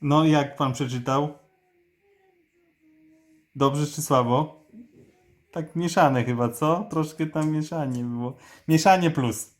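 A man's voice: fairly high pitch, takes it slowly, long pauses. A man patiently prompting a child through a reading exercise, correcting and encouraging syllable by syllable. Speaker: parent teaching a child to read.

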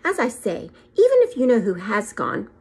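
A woman's voice: a little high, wildly swooping pitch, moderate pace, slightly rough, voice pushed up, full character voice. A woman voicing a stern, exasperated older witch professor in a storybook, speaking emphatically and indignantly. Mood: impatient, indignant.

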